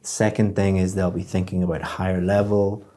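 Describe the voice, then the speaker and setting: Low, mellow-voiced male examiner. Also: level tone, normal speed. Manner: encouraging, explanatory, many restarts. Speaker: IELTS speaking examiner giving feedback. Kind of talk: spoken feedback lesson.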